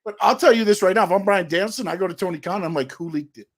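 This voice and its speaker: A man's voice: high-pitched, rapid-fire. A man co-hosting a casual wrestling talk show, arguing back with slang and cutting in. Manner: argumentative, slangy, interrupts. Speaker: co-host.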